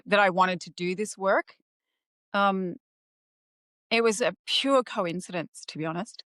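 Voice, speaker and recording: A woman's voice: medium pitch, a bit bright, no echo. A woman, a podcast guest telling a personal story in an informal, candid way.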